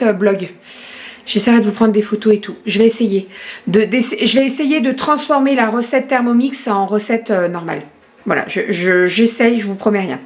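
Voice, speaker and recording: A woman with a mid-range voice, accompanied by a little hiss or hum, vlogs about her family life from her home kitchen. It's a casual home vlog chat in which she rambles, hesitating often and correcting herself.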